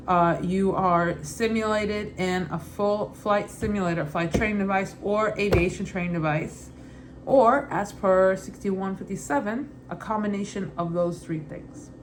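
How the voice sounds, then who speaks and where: A woman with a loose Brooklyn accent reads study questions and answers aloud informally, repeating and rephrasing as she thinks through them. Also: mid-range voice. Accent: Brooklyn, put on loosely and unevenly. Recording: clearly noisy ambient background.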